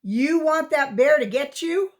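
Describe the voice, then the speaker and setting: A woman's voice: high voice, lively intonation, unhurried, voice pushed up. Woman doing young boy, mountain kid, urgent, bossy, raised voice, storybook. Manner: urgent, commanding. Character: determined young mountain boy giving orders.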